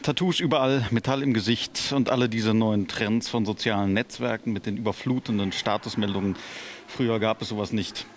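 A man's voice: on the low side, fairly even intonation, a little fast, a little hiss or hum, natural voice. A man playing a police officer who grumbles like a grumpy old man in a scripted theatrical presentation. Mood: grumbling. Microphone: headset.

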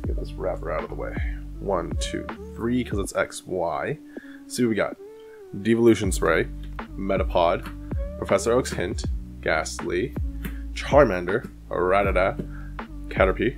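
A man's voice: on the low side, creaky. A man in his thirties hosting a card collecting vlog, chatting casually with many fillers and restarts, in a small room at home on a studio microphone. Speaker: card collecting channel host. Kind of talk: casual vlog and pack opening. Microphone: studio microphone on arm in front of him.

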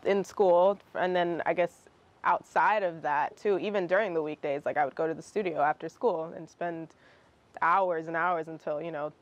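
A young Russian-speaking singer, appearing as a guest, casually answers interview questions on an outdoor garden terrace, restarting sentences and laughing between phrases. Her voice is lowish, steady and moderately paced, and the recording sounds muffled.

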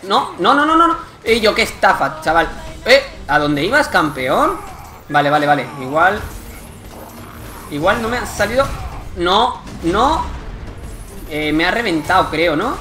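A young Spanish man with a Spanish accent rants through his gameplay, his pitch jumping wildly between groans and shouts. He swears constantly and cries out in frustration. Faint game music plays behind him. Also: measured pace, pauses often. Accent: Spain Spanish. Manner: excitable, swears often, frustrated outbursts. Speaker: gaming youtuber. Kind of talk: gameplay commentary.

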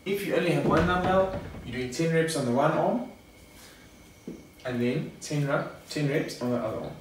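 The fitness coach, a young adult man with a fairly high voice and normal speed, talks viewers, his "guys," through a workout in a casual, instructive way. He's in a garage home gym, recorded from a camera a few metres away, so the sound is echoey and distant with faint background noise.

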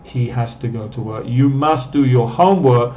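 A man's voice: medium pitch, unhurried, warm tone, highs cut off, a little hiss or hum. A man teaching a live online class, patiently explaining step by step and reading out viewer comments. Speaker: English teacher.

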